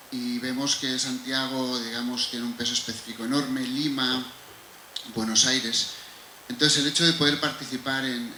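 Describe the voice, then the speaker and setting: A man from Spain with a Spanish accent answers a question on a conference panel, conversational and discursive, with rhetorical asides. His voice is medium-pitched with a sharp tone, and the echoey room carries faint noise.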